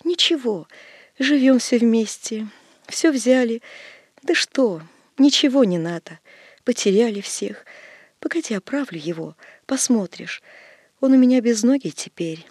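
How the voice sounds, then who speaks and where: A man voicing a frail, pious old peasant woman who speaks softly and tenderly, her voice trembling. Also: extremely high pitch, expressive, unhurried, slightly rough, dry recording, studio quality, pitched above the performer's own voice, heavily acted. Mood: sorrowful.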